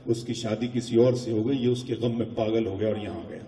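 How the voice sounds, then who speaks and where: A man voicing a calm male asylum doctor explaining a patient's case in a joke. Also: fairly low pitch, voice pushed down, lightly acted. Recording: echoey hall, distant mic.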